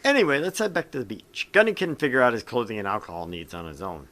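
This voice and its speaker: Fast and a bit bright, with lively intonation in a mid-range voice, a man plays through a visual novel casually. As host and reader, he alternates reading the text with goofy, joking banter.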